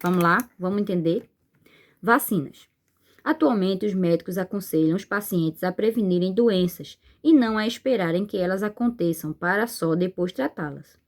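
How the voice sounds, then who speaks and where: Brazilian woman teaching remotely, slow and patient, keeps checking the kids follow. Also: medium pitch. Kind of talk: remote lesson.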